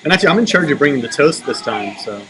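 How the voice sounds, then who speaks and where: A man's voice: on the high side, sing-song, racing, crowd noise. A man from Long Island with an American accent, chatting casually in a joking, irreverent way. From Long Island, United States. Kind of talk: casual bantering chat. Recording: noisy live webcam stream.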